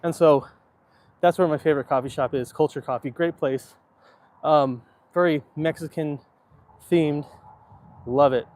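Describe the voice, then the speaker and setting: A middle-aged American man walks city streets on a live stream, chatting in an easygoing way and answering viewer comments. His voice is a little high with a darkish tone, and he speaks at a measured pace with long pauses. Outdoor ambient noise from the walk fills the background.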